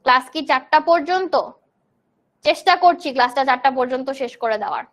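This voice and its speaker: A young woman from Bangladesh leads a live online English grammar class. Her voice sits high and clear. She explains each term patiently and answers students' comments as they come in. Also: brisk, fairly bright tone. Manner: explains terms in Bengali, reads student comments aloud.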